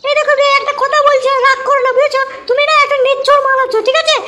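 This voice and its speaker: A woman's voice: extremely high pitch, level tone, rapid-fire, heavy background noise. A woman playing an indignant middle-aged mother-in-law in a comic audio drama, scolding and fed up. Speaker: mother-in-law visiting her daughter's home.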